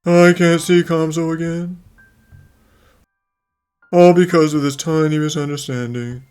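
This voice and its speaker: A man's voice: fairly high pitch, little pitch movement, a little slow, darkish tone, smooth, natural voice. A man playing an earnest, regretful older character in an anime-style fan dub. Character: earnest, regretful older friend, long estranged. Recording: voice over faint music.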